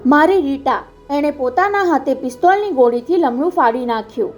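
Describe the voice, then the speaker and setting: A woman's voice: high-pitched, measured pace, a little mellow, soft background music, voice pushed up. A woman voicing a grieving older mother who speaks through tears, in a storybook reading. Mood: grief-stricken. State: crying.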